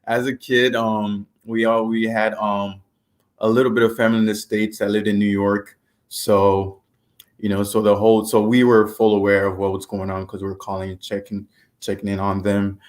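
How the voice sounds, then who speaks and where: A man in his twenties from Haiti, speaking as an interview guest. His voice sits fairly low, and he talks in a relaxed, easygoing way, chuckling now and then and filling pauses with plenty of ums. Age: 20s. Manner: relaxed, chuckling, with many fillers. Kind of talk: casual interview.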